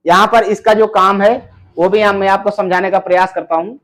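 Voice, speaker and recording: A man teaching amplifier repair step by step, often pausing on "theek hai" and addressing viewers as friends. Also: high voice, fairly even intonation, fairly bright tone. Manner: explains slowly, filling gaps with "theek hai" and "doston". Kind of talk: step-by-step technical tutorial.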